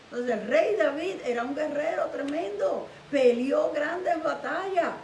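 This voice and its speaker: A woman pastor preaching a sermon with animated storytelling. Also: high voice, measured pace. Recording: echoey room, distant mic, faint hiss.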